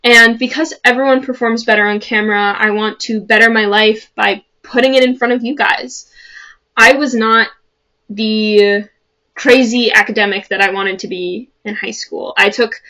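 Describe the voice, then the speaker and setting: A woman's voice: mid-range voice, sharp tone. Earnest young woman chatting to camera. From Chicago suburbs. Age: young adult. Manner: earnest, chatty, many fillers and restarts. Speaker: vlogger. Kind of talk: casual talk to camera.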